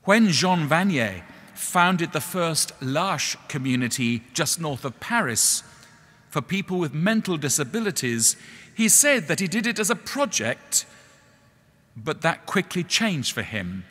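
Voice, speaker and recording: A middle-aged man preaching a sermon in a measured, earnest way, pausing slowly on key words. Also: fairly high pitch, sing-song, fairly bright tone, slightly rough. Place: church. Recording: echoey church hall.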